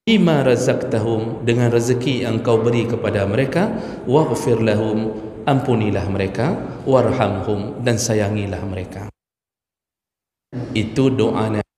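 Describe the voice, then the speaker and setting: A man's voice: lowish voice, measured pace, warm tone. A male preacher giving a chatty, joking sermon lecture, talking straight to his listeners in a mosque. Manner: jokey, chatty, addresses listeners directly. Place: mosque hall. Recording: echoey mosque hall, faint ambience.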